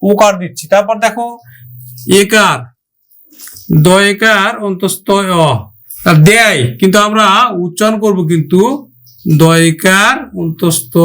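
A man's voice: sits high, fairly even intonation, normal speed, long pauses, fairly bright tone. A man teaching a grammar lesson for exam preparation, asking his students rhetorical questions and sounding out words syllable by syllable.

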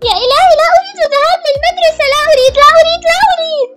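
A woman voicing a lonely schoolgirl doll who feels unloved, in a high, pleading voice. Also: steady tone, racing, fairly bright tone, soft background music. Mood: defiant. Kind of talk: toy doll drama voicing.

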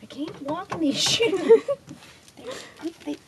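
A woman in her thirties complains and swears her way through getting dressed in a small home closet. Her high voice swings widely between exasperated outbursts and mutters. A faint hiss sits under the handheld camera recording. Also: lively intonation, slow pace. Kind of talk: casual home video chat. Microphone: handheld camera filmed by her child.

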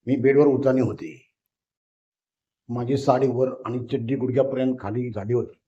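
A man's voice: mid-range voice, steady tone, normal speed, mellow. A man narrating a story aloud in a woman's first person, reading steadily. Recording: roomy, dull lo-fi recording.

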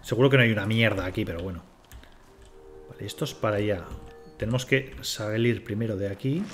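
A man's voice: lowish voice, a little fast, soft background music. A man from Spain, swearing and talking to himself as he streams a game. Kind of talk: casual live gameplay commentary.

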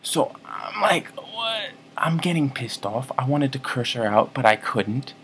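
A man's voice: medium pitch, expressive, a little slow, fairly bright tone, slight background noise. A man telling a story to camera in a comic vlog, rambling, mock-serious and constantly correcting himself. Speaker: comedy vlogger.

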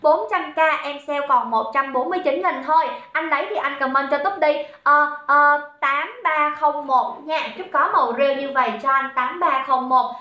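A woman's voice: sits high, moderate pace, hardly any pauses. A young woman selling on a livestream, chatty and teasing as she reads out viewer comments. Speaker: livestream seller. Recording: echoey room, dull lo-fi sound.

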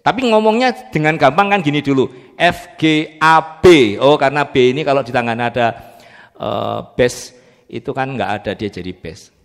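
A man's voice: medium pitch, lively intonation, a little fast. A man teaching a music class, quizzing students on letter names and solfege. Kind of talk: live music training class. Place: church training room. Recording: long reverb in a hall.

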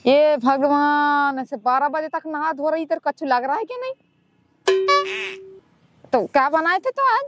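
High-voiced bickering woman on a phone call. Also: sing-song, normal speed, pauses often, a bit bright, a little hiss or hum. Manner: chatty, bickering and scolding. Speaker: comedy sketch performer. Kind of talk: rural comedy sketch, phone call.

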